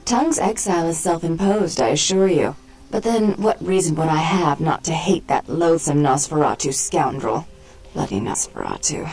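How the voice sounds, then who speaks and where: Haughty female vampire proprietor for a video game, slightly low voice, formal and cool. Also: lively intonation, normal speed, a little mellow, soft background music, rough recording. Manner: formal, poised and condescending. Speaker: vampire club owner.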